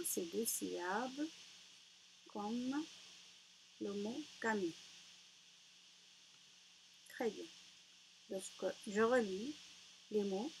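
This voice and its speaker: Slow, patient woman teaching syllables. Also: medium pitch, creaky, darkish tone, slight background noise. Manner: patient, encouraging, spells out syllables. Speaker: primary school teacher. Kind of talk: slow, clear reading lesson for young children.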